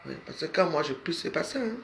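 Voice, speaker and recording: A woman's voice: low-pitched, animated, fast talker, creaky, slight background noise. A woman speaking emotionally in a street interview, with exclamations and repeated phrases, sometimes close to tears.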